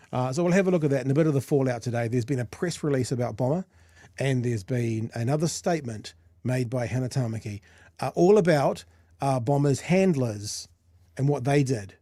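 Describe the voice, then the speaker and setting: A man's voice: mid-range voice, dark tone, dry recording. New Zealand man hosting, dry close sound. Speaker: talk show host. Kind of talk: casual live show chat.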